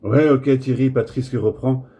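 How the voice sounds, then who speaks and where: In friendly, rambling French radio-contact fashion, an amateur radio operator talks casually and hesitantly. His husky voice is mid-range and dark, steady in tone and moderate in pace.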